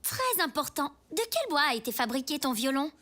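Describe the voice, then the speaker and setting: High-pitched, picky cartoon youngster. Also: female voice, very animated, brisk, over music. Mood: judgmental. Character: picky, principled young band member. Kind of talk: French animated cartoon acting.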